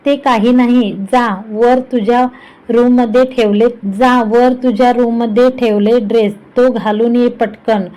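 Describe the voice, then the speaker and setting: A woman's voice: fairly high pitch, flat delivery, unhurried, warm tone, lightly acted, low-quality recording. A woman voicing a cheeky, talkative young man teasing his older brother in a storybook reading. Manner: chatty, cheeky, playful.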